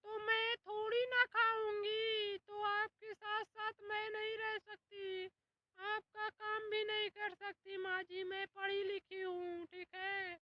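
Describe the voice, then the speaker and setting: Brash young bride voiced by a woman, high, flat delivery, slow and cutting. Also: highs cut off, noisy background. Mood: defiant. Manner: brash, threatening, ends lines with "theek hai?". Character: sharp-tongued young daughter-in-law, defiant and boastful.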